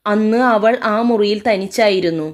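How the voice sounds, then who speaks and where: A woman narrating a story in a steady storytelling manner. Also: medium pitch, normal speed. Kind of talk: story reading.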